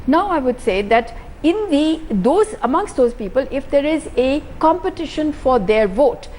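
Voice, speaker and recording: An Indian woman speaks as a panelist on a televised political debate. Her voice is a little high, and she talks hesitantly, stopping and restarting. A faint hum of noise sits behind her. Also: lively intonation, unhurried, a little mellow. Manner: hesitant, many fillers and restarts. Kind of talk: debate commentary.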